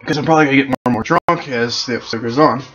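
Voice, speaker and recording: A man's voice: medium pitch, racing, a bit bright, muffled recording, a little hiss or hum. A young man casually commenting on a game he plays, rambling and chatty, eating chips as he talks. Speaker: let's play gamer.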